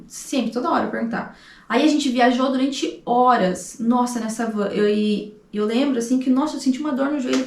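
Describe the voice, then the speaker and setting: A woman's voice: fairly high pitch, creaky, darkish tone. A woman in her thirties with a Brazilian Portuguese accent, telling a personal story with emotion and acting out the dialogue. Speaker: vlogger. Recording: echoey room, distant mic.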